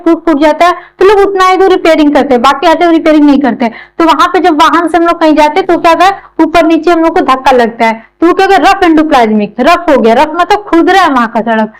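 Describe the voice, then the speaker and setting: Woman with a very high voice who teaches by everyday comparisons and quick questions she answers herself. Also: poor audio. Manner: keeps asking and answering her own questions. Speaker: biology teacher. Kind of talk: explanatory classroom lecture.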